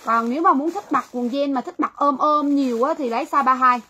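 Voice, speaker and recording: High-voiced woman selling live. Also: brisk, pushed and bright, low-quality recording. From Vietnam. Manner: chatty, repeats phrases to viewers. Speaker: livestream seller. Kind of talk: livestream sales pitch.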